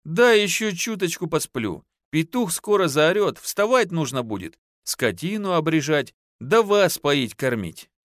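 A man's voice: on the high side, sing-song, measured pace, few pauses, no echo, clean studio sound, pitched above the performer's own voice. A man voicing a frightened young peasant woman with lamenting, pleading folk speech. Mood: sleepy.

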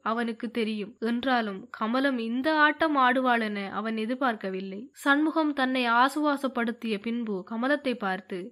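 Woman narrating a novel, slightly high voice. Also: moderate pace, few pauses, a bit bright. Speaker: audiobook narrator. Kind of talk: scripted narration.

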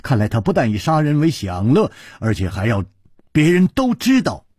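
A male storyteller voicing a calm, sharp-witted swordsman hero, speaking low, measured and grave with a husky voice. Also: no echo, clean studio sound.

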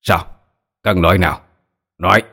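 A man's voice: deep voice, steady tone, normal speed, sharp tone. A man voicing a coarse, foul-mouthed old ink dealer who curses and mocks as he talks. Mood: gruff, mocking. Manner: cursing, gruff, mocking.

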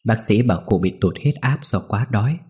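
A man narrating an audio story in a lively storytelling manner. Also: lowish voice, brisk. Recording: faint background music.

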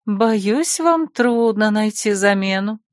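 A composed noblewoman teacher who speaks calmly and slowly with a touch of dry irony, as voiced by a woman narrator. The sound is dry and close. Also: mid-range voice, no room sound. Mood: soothing. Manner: composed, gently wry. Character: calm aristocratic female teacher, rector's wife.

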